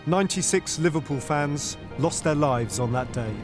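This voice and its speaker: Higher-voiced male documentary narrator. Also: over music. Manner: measured, formal delivery. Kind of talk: scripted narration.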